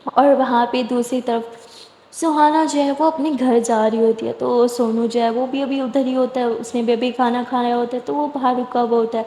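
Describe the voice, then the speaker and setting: A woman's voice: fairly high pitch, fairly even intonation, dark tone. A woman narrating a love story in a casual, chatty way, with asides to her listeners, in an echoey room. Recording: echoey room with long reverb.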